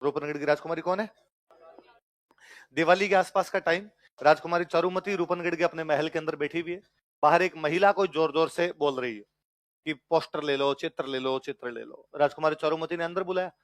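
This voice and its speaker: A man teaching history to exam students, repeating key lines in Hindi and then English for them to write down, and telling the story in a lively way while quizzing them. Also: fairly high pitch, brisk, no room sound. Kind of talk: exam-prep lecture with storytelling.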